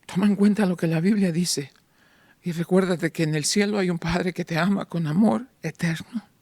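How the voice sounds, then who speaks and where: A man pastor preaching an emphatic sermon that swings between raised, stressed peaks and soft, low, intimate passages, with phrases often repeated. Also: moderate pace, dry recording. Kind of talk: evangelical sermon.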